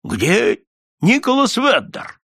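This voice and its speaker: A man's voice: fairly high pitch, extremely slow, no room sound, clean studio sound, heavily acted. A man voicing a bewildered older man in rags, asking questions in a pleading, desperate way. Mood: anxious.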